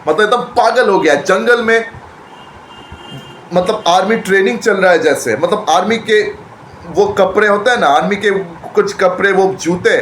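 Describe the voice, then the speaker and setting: A man reviewing a movie trailer in casual chat, retelling scenes excitedly and often repeating and restarting his phrases. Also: high-pitched, normal speed. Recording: echoey room with faint background noise.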